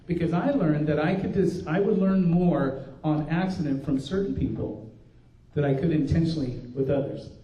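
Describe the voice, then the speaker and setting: An older male pastor gives an earnest, folksy workshop talk in a conference room, restarting his sentences often. His voice is a little high and mellow, at a moderate pace. The recording is dull and roomy, captured from a distance.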